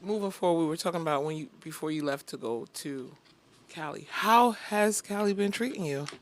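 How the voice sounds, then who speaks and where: A man's voice: a little high, normal speed. A man with a Brooklyn accent hosting a casual interview, joking and repeating himself as he talks. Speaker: interview host.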